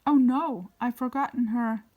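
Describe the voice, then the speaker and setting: A woman's voice: on the high side, unhurried, phone-quality sound. A woman from Norway, chatty and rambling with plenty of fillers, giving a casual flip-through narration of her bullet journal indoors.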